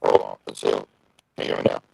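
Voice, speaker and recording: A man's voice: fast, dark tone, echoey room. A man joining a live stream as a guest, checking whether he can be heard, with his voice coming through a muffled microphone that makes him sound underwater. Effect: muffled, garbled microphone that sounds underwater. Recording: muffled, distant online call audio.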